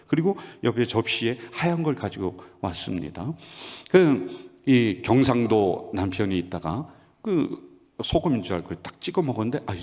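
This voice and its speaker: A male senior pastor preaching a sermon in an animated, rhetorical way, often calling out to the congregation directly. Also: mid-range voice. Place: church sanctuary. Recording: long reverb of a church sanctuary.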